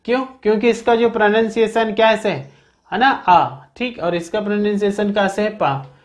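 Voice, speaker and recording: Walking through grammar one rule at a time, a patient teacher with a medium-pitched voice keeps asking whether things are clear and reminding listeners, "okay, keep in mind." Example sentences get spelled out slowly and with care.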